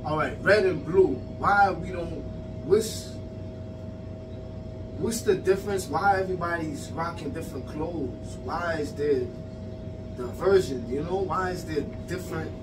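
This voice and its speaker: A man's voice: a little high, unhurried. A young man in a small pizza shop talking loosely in slang, with casual swearing. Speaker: interviewee. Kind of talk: casual street conversation. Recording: distant mic, music behind.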